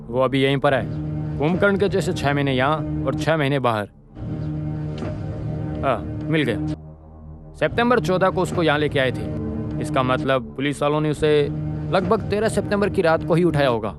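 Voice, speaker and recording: A man's voice: a little high, animated, moderate pace, long pauses, music in the background, close to an everyday voice. A man playing a businesslike police officer in a Hindi film dub, who reasons aloud over records. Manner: matter-of-fact, reasoning aloud. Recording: film soundtrack with very loud score.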